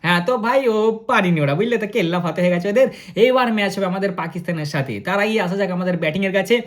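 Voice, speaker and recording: Man, cricket vlogger, quick and excitable, chatty match review aimed straight at viewers. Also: high-pitched. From India. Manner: fast-talking, excitable, addresses viewers directly.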